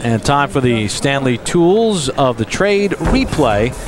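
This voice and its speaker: A man's voice: medium pitch, sing-song, slow pace. An American man giving television boxing commentary as the play-by-play announcer. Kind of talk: sports commentary. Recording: TV broadcast with arena crowd.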